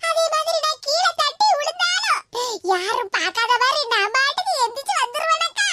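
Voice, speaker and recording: A woman voicing a squeaky, wailing village housewife. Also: sing-song, a little fast, sharp tone, exaggerated voice. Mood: gossiping. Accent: Tirunelveli Tamil. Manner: wailing, self-pitying complaints mixed with gossip. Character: gossiping village housewife, aggrieved and dramatic. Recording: noisy with clicks.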